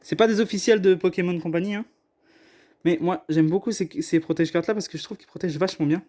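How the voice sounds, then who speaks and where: A man's voice: high-pitched, fast, darkish tone. A man chatting casually as he opens trading card boxes on camera. He hesitates often and keeps apologizing. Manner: apologetic, hesitant, self-deprecating. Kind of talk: casual unboxing chat.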